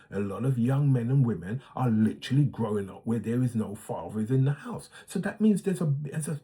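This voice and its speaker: A man's voice: medium pitch, mellow, husky. A man in his sixties hosting his own series, talking earnestly and reflectively with frequent fillers and restarts. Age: 60s. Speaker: host. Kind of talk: casual monologue.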